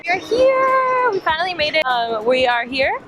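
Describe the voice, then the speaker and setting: A woman's voice: very high voice, very animated, moderate pace, loud music behind the voice. A young woman from Cuba, chatty and upbeat, talking through a casual travel vlog outdoors in a beach town. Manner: chatty, upbeat, many fillers. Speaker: vlogger.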